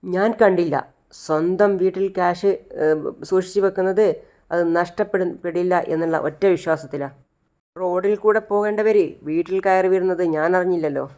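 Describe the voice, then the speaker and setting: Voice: medium pitch, fairly even intonation, normal speed, a little mellow, close to an everyday voice. A narrator voicing a harsh middle-aged mother who accuses and scolds insistently. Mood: scolding.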